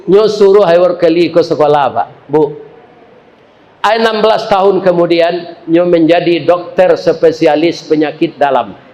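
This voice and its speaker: A male preacher with a Minangkabau accent and a fairly high voice. He talks in a lively way and jokes with the congregation as he tells a sermon story. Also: poor audio. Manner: lively, joking with the congregation, then dramatic storytelling.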